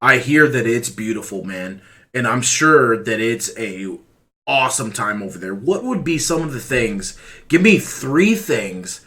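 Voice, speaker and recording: A man hosts a casual online chat show, his bright voice bouncing up and down as he trades crude jokes. He laughs loud and often, pressing his guest with questions. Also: mid-range voice, big pitch swings, unhurried. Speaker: web show host.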